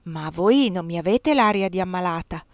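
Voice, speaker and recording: A woman's voice: fairly low pitch, expressive, normal speed, dry recording, clean studio sound. A woman voicing a worldly, sly cardinal with a mellifluous, ironic voice. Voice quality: honeyed, mellifluous voice. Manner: dismissive, ironic.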